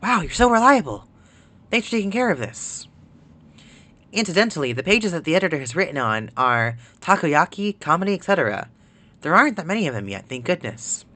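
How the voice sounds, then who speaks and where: A man reading game dialogue aloud as a secretive website administrator who asks for help in a hushed, urgent way. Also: a little high, very animated, brisk, voice pushed up, full character voice.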